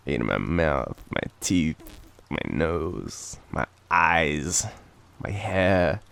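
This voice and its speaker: An Australian man who is sick with a cold performs an audio roleplay as an affectionate boyfriend, speaking softly and haltingly in a low, creaky voice. Rain can be heard in the background throughout.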